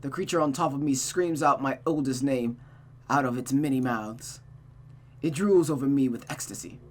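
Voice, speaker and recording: Speaking at medium pitch and a moderate pace, a streamer gives a visual novel an expressive read-aloud. Dramatic narration mixes with casual asides, and sentences that come out wrong are often started over.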